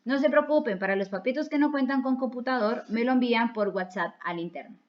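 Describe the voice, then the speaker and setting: A woman's voice: on the high side, fairly quick. A woman from Colombia teaching a recorded online English class, explaining each step patiently and repeating key words in two languages. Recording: dull lo-fi recording.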